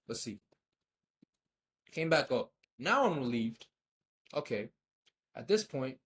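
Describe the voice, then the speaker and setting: A man going back over his own trades, frustrated and scolding himself, swinging between loud outbursts and low muttering. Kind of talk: self-critical screen-share trade recap.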